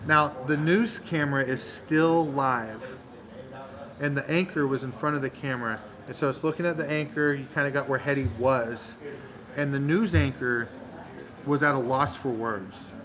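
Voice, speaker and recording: A man hosting a channel, telling a long joke in casual storytelling style, animated and full of dramatic pauses. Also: medium pitch, poor audio. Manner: animated, dramatic pauses, acts out crowd voices. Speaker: channel host.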